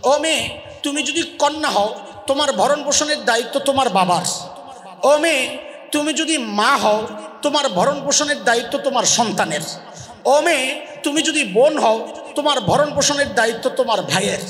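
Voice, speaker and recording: A man preaches a waz in a very high, sharp, forceful voice. He drills the crowd with questions and makes them repeat the answers. His voice rings through a roomy space with a long reverb tail. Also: lively intonation, normal speed. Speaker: Islamic preacher. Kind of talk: Bengali waz sermon with call-and-response.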